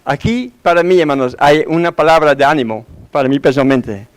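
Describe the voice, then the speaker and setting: Male pastor, slightly high voice, conversational sermon full of rhetorical questions. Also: a little fast, clean tone. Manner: conversational preaching with frequent rhetorical questions to the congregation; acts out quoted voices in his story.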